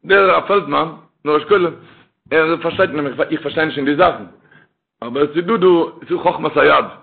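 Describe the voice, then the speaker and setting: A man delivers a sermon in a fairly high voice that dips to low murmurs before swelling into loud chanted verses and cries. The sound comes through a tinny, narrow phone-like line. His delivery is fervent and uneven, pressing hard on the recited passages. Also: brisk, creaky. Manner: swings from low muttering to loud chanted outcries. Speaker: rabbi preacher. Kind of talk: Yiddish-style sermon with chanted Hebrew verses.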